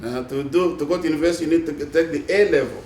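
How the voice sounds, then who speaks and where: A man's voice: fairly high pitch, rapid-fire, darkish tone. An older man from the Congo, speaking as a panelist in a hesitant way, with many fillers and laughing asides. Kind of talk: panel discussion, telling anecdotes. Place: conference hall panel. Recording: roomy hall, distant mic, faint noise.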